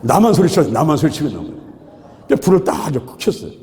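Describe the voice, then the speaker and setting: A man in his sixties preaching, telling his story with lively, exclamatory repeats. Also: a little high, quick pace. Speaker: pastor. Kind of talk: sermon testimony. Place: large hall at a prayer retreat. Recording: echoey hall with long reverb.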